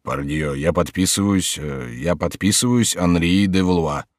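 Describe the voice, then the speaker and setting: A male narrator voicing a haughty, irritated young king who speaks curtly and slowly. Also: low-pitched, no echo, clean studio sound, voice pushed down.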